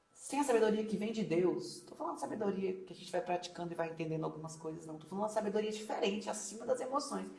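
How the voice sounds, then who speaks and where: Female devotional teacher, lively storyteller, echoey room, distant mic. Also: mid-range voice, creaky. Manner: storytelling, acts out quoted voices. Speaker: Bible study teacher. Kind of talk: casual devotional Bible teaching.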